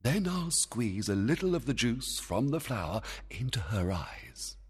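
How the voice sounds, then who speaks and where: A man's voice: medium pitch, big pitch swings, normal speed, slightly rough, long reverb tail, pitched above the performer's own voice. A man reading a storybook aloud, voicing a proud and scheming fairy king who gives stern commands and gloats. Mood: gloating.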